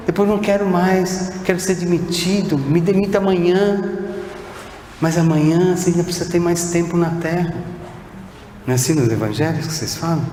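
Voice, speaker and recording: A Brazilian man giving a spiritist lecture, posing one rhetorical question after another and sometimes speaking softly to a single listener. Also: high voice. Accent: Brazilian Portuguese. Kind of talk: sermon-like lecture. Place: spiritist center hall. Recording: echoey hall with faint background noise.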